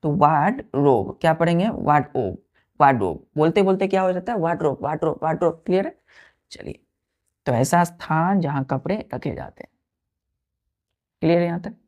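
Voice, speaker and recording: A woman's voice: on the low side, moderate pace, pauses often, a little mellow. A woman teacher gives a vocabulary lesson, spelling words letter by letter and counting aloud. She repeats each word and keeps checking that her students follow.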